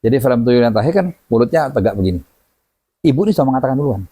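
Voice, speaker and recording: A man telling a story as a guest in a lively way, acting out the voices of the people in it. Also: medium pitch, very fast, slightly rough. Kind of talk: animated storytelling. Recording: dull lo-fi audio.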